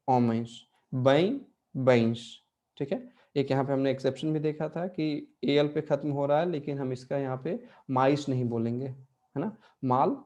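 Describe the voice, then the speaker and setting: Calm, mellow-voiced male teacher. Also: mid-range voice. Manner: explanatory, checks in often with "है ना?" and "ठीक है?". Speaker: Portuguese language teacher. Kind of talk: online language lesson.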